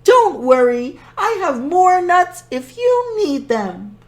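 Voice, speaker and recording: A woman voicing a kindly, doting old woman in a storybook, speaking in a high, sing-song way. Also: very animated, slow, full character voice. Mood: cheerful. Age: older. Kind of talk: storybook character voice.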